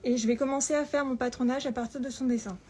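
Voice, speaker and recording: A woman presenting an informal tutorial through a face mask, speaking carefully and deliberately with frequent pauses and a slightly muffled sound. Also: high voice, fairly even intonation, darkish tone. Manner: careful, deliberate, often pausing. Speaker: patternmaker presenting a lesson. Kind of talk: spoken tutorial with informal explanations. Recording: clear background room noise.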